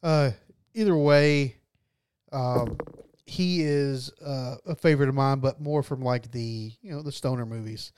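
Man, laid-back podcast co-host, smooth clear voice, dry close recording. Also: medium pitch, unhurried, darkish tone, no echo. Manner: laid-back, laughs often, many fillers. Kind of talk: casual film chat.

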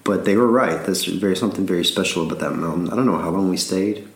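A man's voice: deep voice, quick pace, echoey room. A man from Alabama with a Southern accent, rambling through a casual story with frequent laughs and repeated words.

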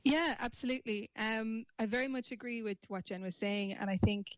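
As a panel guest, a woman shares her opinions in an articulate, reflective discussion, often framing points as questions. Her fairly high voice moves briskly, and the rough recording carries slight background noise.

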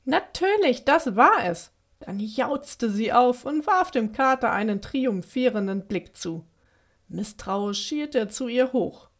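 A woman's voice: on the high side, lively intonation, takes it slowly. Woman reading a children's story aloud.

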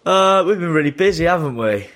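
A man's voice: on the high side, lively intonation, a little fast, fairly bright tone. A man co-hosting a casual sports podcast in a jokey, self-mocking way. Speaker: podcast co-host.

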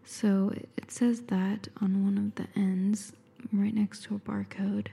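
Woman asmr whispering right up in your ear, slow and unhurried, flat tone, breathy. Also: medium pitch. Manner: intimate close-up whisper, as if right in the listener's ear. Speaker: ASMR host. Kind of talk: whispered ASMR, describing and reading product packaging.

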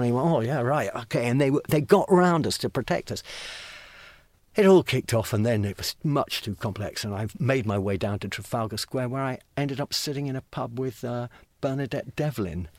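An older man telling lively stories from his youth in a casual conversation, stammering and restarting as he acts out the voices of people he met. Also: mid-range voice, dry recording. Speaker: guest recalling youth in the counterculture.

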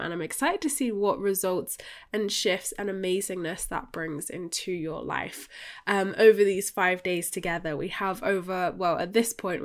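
A British woman hosting a casual, chatty podcast with a nasal voice, congested from a lingering flu and speaking effusively and directly to listeners. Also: lowish voice. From United Kingdom. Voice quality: nasal, bunged-up voice. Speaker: podcast host and life coach.

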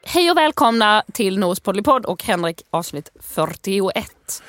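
A woman's voice: mid-range voice, sing-song, fairly bright tone. A woman co-hosting a podcast, chatting casually with playful, teasing banter. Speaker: podcast co-host.

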